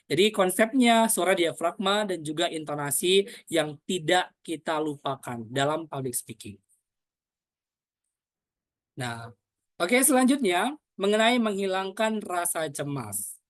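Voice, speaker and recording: A woman's voice: on the low side, expressive, unhurried, long pauses, no echo. A woman teaching a public speaking lesson as a coach. She fills her phrases with "nah" and "eh", voices example lines aloud, and asks herself questions in the name of "Coach". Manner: frequent "nah" and "eh" fillers between phrases. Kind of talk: spoken training lesson.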